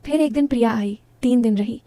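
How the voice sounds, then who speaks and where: A woman's voice: on the high side, a little fast, dark tone, no echo. A woman narrating a first-person story in an intimate, confiding way, talking straight to her listeners.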